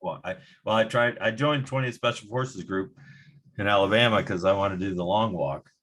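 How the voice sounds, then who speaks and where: A man's voice: lowish voice, moderate pace, fairly bright tone, slight background noise. A man hosting a veterans' podcast, talking casually, swearing a lot, emphatic and heated. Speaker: podcast host. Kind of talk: casual profane chat.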